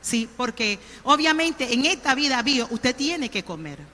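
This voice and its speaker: A woman's voice: high voice, expressive, measured pace, bright, forceful tone. A woman pastor from Colón, Panama, with a Panamanian accent, preaching a sermon in a conversational way and often checking in with the congregation. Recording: reverberant church hall.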